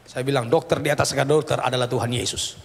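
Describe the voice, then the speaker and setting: A man's voice: mid-range voice, fast, gravelly. A middle-aged man, a pastor, telling a personal testimony in a sermon, acting out the people in his story as he goes. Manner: animated storytelling, acting out dialogue. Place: church sanctuary. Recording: church hall reverb.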